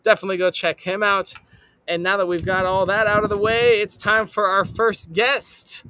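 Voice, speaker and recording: Male podcast host, emphatic; high and bright voice. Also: flat delivery, moderate pace, smooth. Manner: upbeat, emphatic announcer delivery. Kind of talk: podcast host reading sponsor shout-outs.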